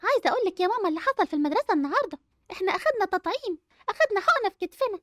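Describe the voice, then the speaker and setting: A female voice playing a chatty, honest young schoolgirl. She has an Egyptian Arabic accent in a dubbed animated game movie. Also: very high-pitched, rapid-fire, dry recording, clean studio sound, exaggerated voice. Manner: chirpy, chatty.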